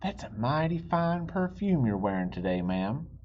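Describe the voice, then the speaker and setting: Man voicing a gentle, courteous blind storybook man. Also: medium pitch, sing-song, measured pace, highs cut off.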